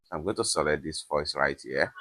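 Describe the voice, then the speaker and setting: Deep-voiced man walking through an app tutorial. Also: fairly quick, pushed and bright, husky. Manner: step-by-step instructions with repeated stock phrases. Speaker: tutorial presenter. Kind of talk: screen-recorded app tutorial.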